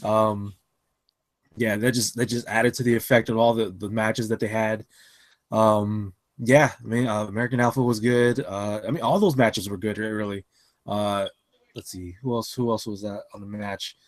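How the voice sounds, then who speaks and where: A man's voice: on the low side, fairly even intonation, normal speed, no echo. A man co-hosting a casual podcast chat, tired after a long work shift, rambling with lots of fillers and restarts. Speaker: podcast co-host.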